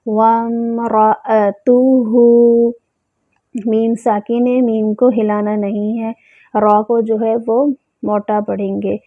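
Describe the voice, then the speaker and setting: A woman teaching Quran recitation rules, who recites words slowly and drawn out and then explains them plainly. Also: mid-range voice, little pitch movement, dry recording. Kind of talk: tajweed lesson. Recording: tinny phone-like sound, dry.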